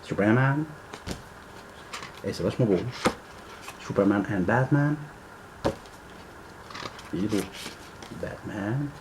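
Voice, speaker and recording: A man's voice: fairly low pitch, expressive, slow pace, pauses often, noisy background. A man giving casual unboxing commentary, rambling and hesitant with many fillers. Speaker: unboxing vlogger.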